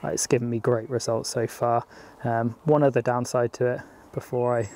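A British man talking casually to camera about his telescope and nights outdoors, relaxed and hesitant with frequent ums. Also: mid-range voice, moderate pace. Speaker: astrophotography YouTuber. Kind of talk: casual vlog talk to camera.

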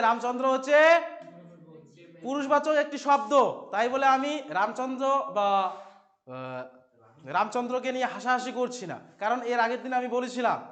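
Bengali guy teaching sanskrit, really high voice, keeps asking then answering himself. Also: fairly bright tone. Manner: asks questions and answers them himself, repeats key words. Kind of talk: classroom lesson explaining translation.

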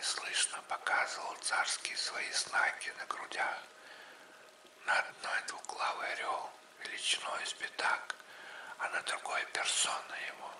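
A man's voice: sharp tone, roomy sound, low-quality recording. Man as a gossipy Cossack, whispered role-play right in your ear.

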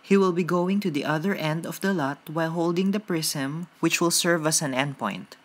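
A woman's voice: low voice, moderate pace. A woman hosting a gardening vlog, narrating outdoors on a farm lot in a friendly, explanatory way. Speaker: gardening vlogger.

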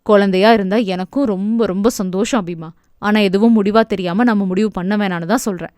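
A woman voicing a tender young husband in an audio novel, speaking softly and soothingly in a lowered voice. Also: fairly quick, no echo, studio quality, lightly acted. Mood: gentle. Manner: soft, low and soothing.

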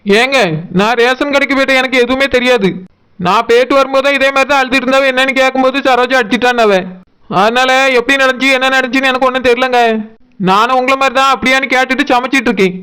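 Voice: high-pitched, steady tone, bright, forceful tone, smooth. A voice actor playing a sarcastic young village daughter-in-law who teases her mother-in-law in a Tirunelveli Tamil accent. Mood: defensive. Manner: mocking, quick, teasing.

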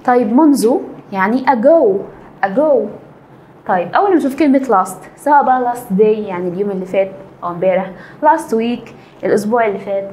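A young Egyptian woman teaching an English grammar lesson, explaining patiently and repeating key words slowly. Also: medium pitch, darkish tone, slight background noise. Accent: Egyptian Arabic.

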